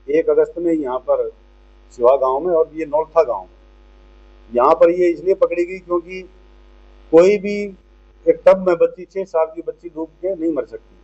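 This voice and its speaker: भारी-दबी, खरखरी आवाज़ में बयान देता पुरुष. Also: male voice, fairly high pitch, dark tone, muffled recording. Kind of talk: spoken press statement, unscripted.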